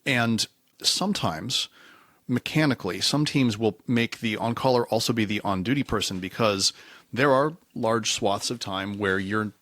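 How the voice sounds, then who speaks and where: A man's voice: fairly low pitch, normal speed, fairly bright tone, dry recording, studio quality. A man speaking as a guest on a technical podcast, talking in a discursive, self-correcting way and sometimes acting out quotes. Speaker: podcast guest, reliability engineer. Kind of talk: casual conversational interview.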